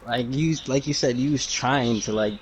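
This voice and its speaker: A man's voice: mid-range voice, moderate pace, slight background noise, rough recording. A man of about nineteen on a headset in game voice chat, chiming in with blunt, slangy, laid-back remarks. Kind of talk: casual chat over game voice chat.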